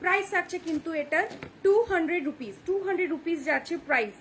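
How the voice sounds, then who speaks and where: Fast-talking high-voiced young woman. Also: expressive, fairly bright tone, slight background noise. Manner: fast, chatty, keeps checking "ঠিক আছে?". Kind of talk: live-stream sales pitch. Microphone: phone camera.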